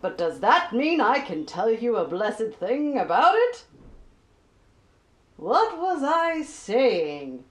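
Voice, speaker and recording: A woman acts out a theatrical Christmas ghost for a radio play. The voice is high and sweeps widely up and down at an unhurried, slow pace. The spirit comes across as forgetful and playful. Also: very animated. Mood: playful, teasing. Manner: theatrical, scatterbrained.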